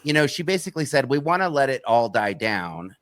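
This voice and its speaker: A man's voice: medium pitch, very animated, brisk, a bit bright, no echo. A man who runs a true-crime channel, talking as a guest on a video call, hedging and restarting often. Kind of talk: casual panel discussion.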